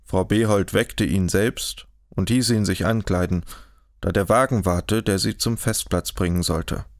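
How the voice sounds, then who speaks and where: A man narrating a historical novel in an audiobook, in a measured, even storytelling manner, close to the mic. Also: low-pitched, no room sound. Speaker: audiobook reader. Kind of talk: scripted narration.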